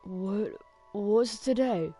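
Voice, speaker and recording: A woman's voice: mid-range voice, extremely slow, dark tone, soft background music. A woman doing a sulky teenage boy. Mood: groggy. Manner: sullen, protesting. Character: guilty, sulking teenage boy.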